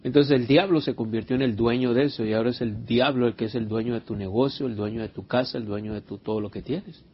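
A man's voice: medium pitch, fairly even intonation, fast, breathy edge. A man preaching a conversational sermon and Bible study as pastor, earnest, repeating words and putting questions to his listeners. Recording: dull lo-fi recording.

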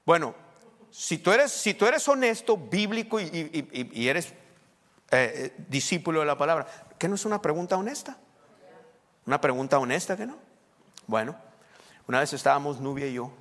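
A man preaching a conversational sermon. He talks emphatically and moves between hushed asides and loud outbursts. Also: a little high, lively intonation, normal speed, pauses often. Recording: long hall reverb.

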